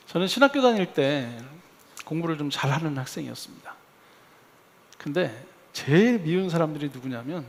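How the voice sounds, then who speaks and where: Male pastor, sermon delivery with acted-out anecdotes, higher-pitched voice, echoing sanctuary sound. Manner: storytelling with lively acted-out asides. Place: church sanctuary. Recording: long hall reverb.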